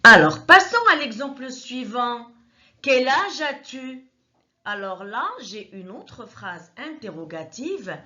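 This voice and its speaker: A woman teaches a grammar lesson at an unhurried pace. She repeats each point methodically, and her high voice swings widely in pitch. The recording is dull and lo-fi. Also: sharp tone. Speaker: French teacher.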